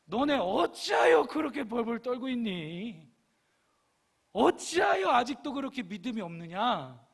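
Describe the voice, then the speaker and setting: A man's voice: high voice, moderate pace, a bit bright. A male pastor playing a cranky, sleepy Jesus who irritably scolds his disciples in a comic retelling. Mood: scolding.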